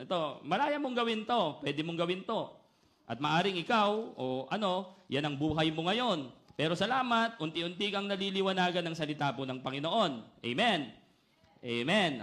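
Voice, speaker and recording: A middle-aged male preacher with a high voice delivers a sermon loudly and energetically. He keeps asking the congregation for an "Amen?" and swings between booming emphasis and quieter asides. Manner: loud, energetic preaching with call-and-response "Amen?".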